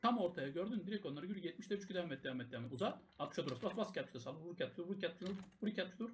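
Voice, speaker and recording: Guy shot-calling in voice chat, high voice, talks super fast, yells the same orders over and over, swears a lot. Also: expressive, slight background noise. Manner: barks rapid repeated commands; swears freely. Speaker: clan war shot caller. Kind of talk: gaming voice chat.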